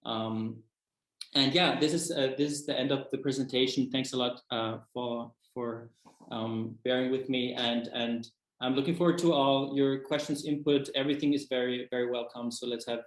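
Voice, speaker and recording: A man's voice: mid-range voice, fairly even intonation, normal speed, reverberant, rough recording. A man giving an academic presentation about his research project, speaking hesitantly with many fillers and restarts.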